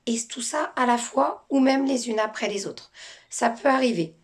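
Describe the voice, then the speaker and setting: A woman teacher speaking gently and reassuringly to children as she introduces and reads a picture book. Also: a little high, normal speed.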